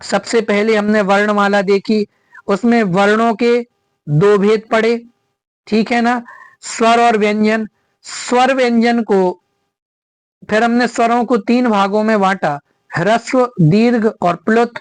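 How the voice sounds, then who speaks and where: Unhurried grammar teacher, lecture style, repeats definitions, dry close sound. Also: medium pitch, steady tone, dry recording. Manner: repeats definitions and asks rhetorical check-in questions.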